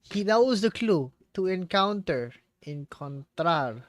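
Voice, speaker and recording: A man's voice: high voice, expressive, takes it slowly, no room sound. Guy vlogging his spanish practice, unsure, pokes fun at himself, dry sound. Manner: hesitant, self-mocking, laughs at his slips. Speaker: language learner vlogger. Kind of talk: casual thinking aloud while studying.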